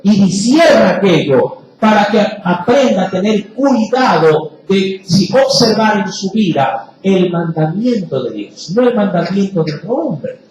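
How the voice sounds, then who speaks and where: A male preacher delivers an emphatic sermon in a high, animated voice that swings between loud, stressed words and quiet asides. The sound rings with heavy echo from a very reverberant room, with a faint noise underneath. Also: unhurried, hardly any pauses.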